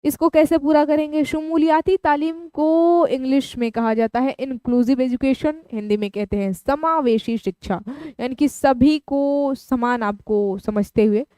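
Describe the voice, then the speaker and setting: A woman's voice: high voice, unhurried, few pauses, warm tone, smooth, no room sound. A woman teaching an exam-prep lecture, explaining each term and repeating it in plain words. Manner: explanatory, repeats terms in several languages.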